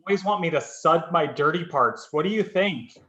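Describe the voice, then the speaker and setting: A man's voice: a little high, animated, moderate pace, pushed and bright, dull audio. A man improvising an earnest, prim caller who sounds mildly scandalized, in an online comedy show.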